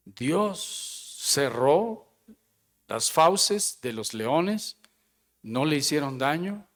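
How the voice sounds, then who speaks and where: A man preaching, his voice pitched a little high and his delivery slow and deliberate. He reads scripture aloud and then works through it with rhetorical questions. His words trail off into the long reverb of a church hall. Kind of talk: sermon. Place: church sanctuary.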